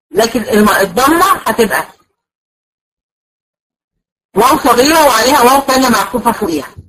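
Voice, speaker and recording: A woman with an Egyptian accent giving a patient, explanatory recorded lecture to a class, drawing out example words slowly. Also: fairly high pitch, a bit bright, low-quality recording. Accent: Egyptian Arabic. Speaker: teacher.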